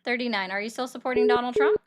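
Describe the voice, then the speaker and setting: A woman's voice: a little high, fairly even intonation, quick pace, a little hiss or hum. A woman hosting a political call-in livestream, talking bluntly and pushing back firmly on her callers. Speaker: host taking viewer calls.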